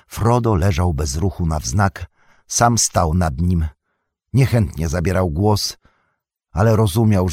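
Slow, husky deep-voiced male narrator. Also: darkish tone, no room sound, clean studio sound. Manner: measured, solemn reading. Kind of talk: audiobook narration.

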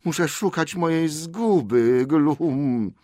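A man voicing a wretched, scheming creature in an audiobook, with a whiny, croaking, hissing voice. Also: a little high, lively intonation, slow pace, darkish tone, no echo, clean studio sound, pitched above the performer's own voice. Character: wretched slimy creature, whining, scheming, obsessive. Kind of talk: audiobook character voice.

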